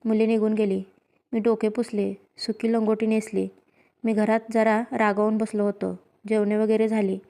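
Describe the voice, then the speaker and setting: A woman reading a story aloud in a steady, even storybook manner. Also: medium pitch, normal speed. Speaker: reader.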